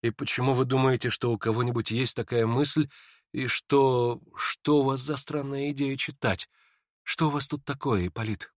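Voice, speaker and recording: A man voicing a gentle, timid young prince who speaks softly and anxiously in an audiobook reading. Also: mid-range voice, steady tone, normal speed, dry recording, clean studio sound, lightly acted.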